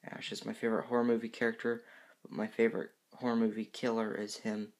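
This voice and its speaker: A man's voice: lowish voice, completely flat delivery, quick pace, a little mellow. A fifteen-year-old boy giving a casual, unscripted review in a hesitant, rambling way, often correcting himself. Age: teenager, fifteen. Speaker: reviewer of horror movie masks.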